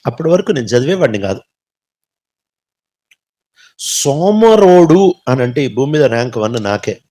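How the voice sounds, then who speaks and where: Animated man telling his story. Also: medium pitch, unhurried. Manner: animated storytelling, swinging between loud emphasis and quiet reflection. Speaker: testimony speaker. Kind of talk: personal faith testimony.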